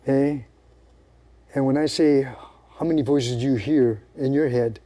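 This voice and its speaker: A man's voice: medium pitch, steady tone, normal speed, warm tone. An older man, a martial arts instructor, talking casually, showing moves and acting out the people in his stories. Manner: demonstrates moves while talking, acts out quoted people. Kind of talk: casual teaching chat.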